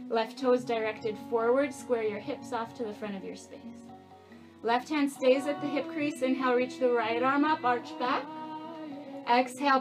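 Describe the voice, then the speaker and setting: A woman's voice: fairly high pitch, rough recording. A woman teaching yoga, giving encouraging, easygoing step-by-step cues and counting breaths over the movements. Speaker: yoga instructor. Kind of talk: guided yoga class instruction with breath counts. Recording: plucked guitar music behind the voice. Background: guitar music.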